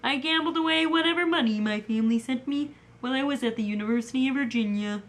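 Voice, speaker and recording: High-voiced young woman reading a bio. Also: fast talker. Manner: reads in character as a historical writer. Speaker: student presenter. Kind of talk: reading a first-person biography aloud.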